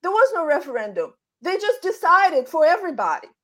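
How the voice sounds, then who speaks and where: High-pitched, insistent woman from Belarus debating. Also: very animated, brisk, a bit bright. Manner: insistent, repeats phrases for emphasis. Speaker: panelist. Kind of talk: heated political debate.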